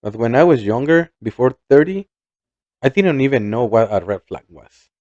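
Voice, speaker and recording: A man's voice: mid-range voice, lively intonation, moderate pace, a little mellow, no echo, lo-fi sound. A man, co-hosting a casual chat, reflective and hesitant, often repeating words. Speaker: podcast co-host.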